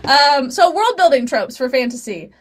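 A woman's voice: sits high, big pitch swings, normal speed. A woman in her thirties co-hosting a podcast, chatting casually, laughing often and using lots of fillers. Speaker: podcast co-host. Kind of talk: casual chat.

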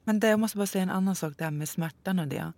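A woman's voice: on the low side, darkish tone, no room sound. A woman co-hosting a podcast, chiming in with thoughtful remarks in casual conversation. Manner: thoughtful, interjecting.

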